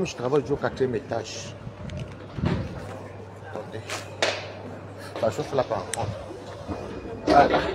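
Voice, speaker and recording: A man's voice: high voice, heavy background noise. A man filming a casual vlog in an office building, delivering an indignant, repetitive warning to his online viewers. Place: office building, walking to get coffee.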